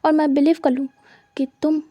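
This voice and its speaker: A woman's voice: high voice, level tone, moderate pace, warm tone, no echo, close to an everyday voice. A woman voicing a stern, proud young man held captive, who answers coldly and with scorn in a retold story. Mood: scornful. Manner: cold, scornful, refusing.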